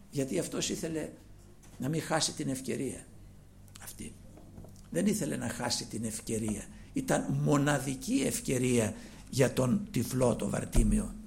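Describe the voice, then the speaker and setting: A male preacher giving a sermon, emphatic, moving between loud passages and hushed ones, asking the congregation rhetorical questions. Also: on the high side, creaky.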